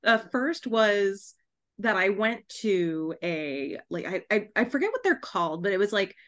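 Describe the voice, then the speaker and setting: A woman author, speaking as an interview guest, tells stories casually in an animated, giggly manner, using "like" a lot. Her voice is mid-range and a little slow.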